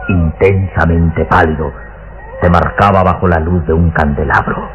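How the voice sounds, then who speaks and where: A man's voice: deep voice, fairly even intonation, a little slow, soft background music. A man narrating a gothic radio serial like an old serial announcer, solemn, theatrical and full of suspense. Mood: solemn, suspenseful. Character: grave storyteller of a gothic adventure serial. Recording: dull, noisy old radio recording.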